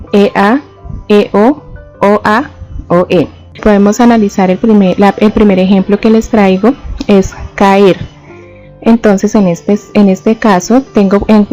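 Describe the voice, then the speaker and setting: Patient woman teacher, mellow lo-fi voice. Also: mid-range voice. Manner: patient, explains step by step, says each example word slowly. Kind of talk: classroom lesson. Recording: dull lo-fi voice-over with faint music.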